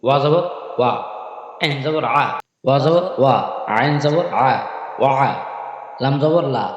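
A man with a fairly high voice teaches a recitation at a very slow pace, spelling out each syllable and saying it twice. He sounds as if he is in a large echoing hall, with a long reverb trailing after every word. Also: muffled recording. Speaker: religious teacher.

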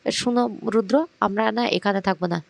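A man's voice: sits high, steady tone, fast, gravelly, no echo. A man voicing a scornful young daughter-in-law who talks back in a sneering, defiant way.

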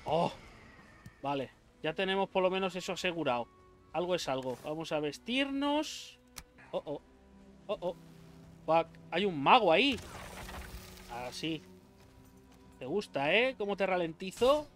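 A young man, doing let's play commentary, excitable and swearing often, yelping when attacked. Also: sits high, measured pace, pauses often, soft background music. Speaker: gaming YouTuber.

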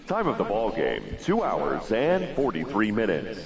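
A man voicing a stadium public address announcer heard over a PA system, formally introducing batters with drawn-out, booming delivery. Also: huge pitch swings, creaky, full character voice. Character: male ballpark PA announcer, formal and steady. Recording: noisy ballpark ambience.

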